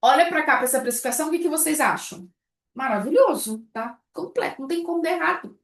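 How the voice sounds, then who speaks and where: A woman teaching a live online class, keeping up a lively run of rhetorical questions to her students. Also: high voice, fast talker, echoey room. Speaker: baking business instructor.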